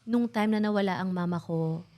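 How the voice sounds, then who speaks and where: A woman in her thirties speaks as a podcast guest in a candid, reflective way. Her voice sits at a middle pitch. She shifts easily between Tagalog and English. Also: normal speed, darkish tone. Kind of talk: emotional casual chat.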